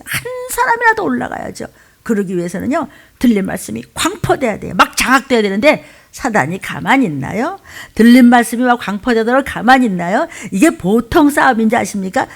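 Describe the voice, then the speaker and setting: A woman pastor preaching an impassioned sermon in a church, swinging between loud cries and hushed asides. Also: fairly high pitch, creaky. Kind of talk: impassioned Friday night sermon.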